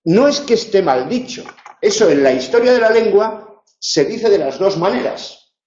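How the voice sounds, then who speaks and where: A man's voice: high-pitched, lively intonation, normal speed, a little mellow. A man from giving a university tutorial lecture, explaining patiently and checking in with his listeners. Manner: explanatory, with frequent "eh" and "¿vale?" check-ins. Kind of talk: live online tutorial lecture. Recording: echoey room, dull lo-fi sound.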